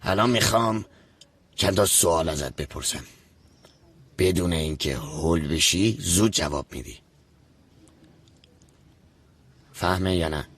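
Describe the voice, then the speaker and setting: A man's voice: low voice, a bit bright, husky, no echo, exaggerated voice. An actor playing a scheming con man in a dubbed TV drama, coaxing and smug as he drills his accomplice. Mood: commanding.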